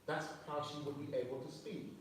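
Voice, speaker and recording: Teaching his fellowship in a church hall, a man reads quotes aloud, explains words and asks the listeners questions. His voice is a little high and steady, a little fast. It's captured from far off in a very echoey room, with faint noise.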